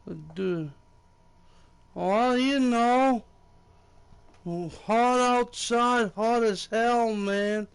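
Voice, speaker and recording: A man's voice: very high voice, drawn-out words, gravelly, pauses often, clean tone. A man with an American accent livestreaming a game in casual, bro-heavy frat-boy slang, hyping himself up as the show's host. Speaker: game streamer, show host. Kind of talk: casual livestream chat while gaming. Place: indoors, air-conditioned room.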